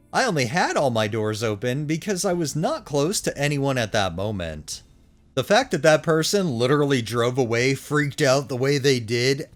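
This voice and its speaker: A male narrator reads online posts aloud and now and then breaks off to comment on them. His pitch sits in a middle range for a man, but his intonation swings widely and animates every sentence. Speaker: narrator and host of a story channel.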